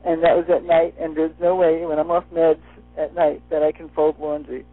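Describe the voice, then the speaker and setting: A man's voice: fairly high pitch, level tone, normal speed, no room sound. A man wearing a retainer as he talks, giving a personal testimonial as an interview guest over the phone. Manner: talking with a dental appliance in the mouth, like wearing a retainer. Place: phone call. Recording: muffled phone line, faint music behind.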